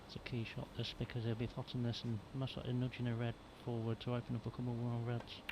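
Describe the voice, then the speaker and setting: A man's voice: mid-range voice, monotone, quick pace, background noise. A man giving conversational, slightly hesitant snooker analysis as a co-commentator. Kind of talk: informal live snooker analysis.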